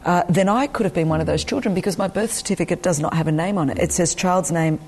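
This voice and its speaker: She talks at a quick pace in a fairly low, slightly mellow voice with a breathy edge. A ministry leader in her forties with an Australian accent and Greek as her first language, she earnestly recounts her life as a guest, personal in tone and given to frequent ums.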